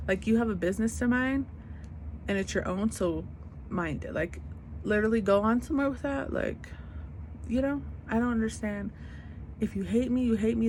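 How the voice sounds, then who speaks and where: A woman's voice: mid-range voice, a little hiss or hum. A woman in her twenties venting in an unscripted vlog rant, blunt and emphatic, repeating her points in casual slangy speech. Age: 20s. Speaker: vlogger.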